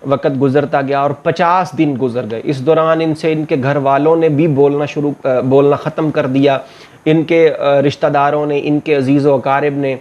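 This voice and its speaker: A man gives a religious lecture in a slightly high voice. He chants scriptural verses slowly and with care, then switches to plain, steady explanation. His delivery is measured and instructive. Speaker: Islamic scholar.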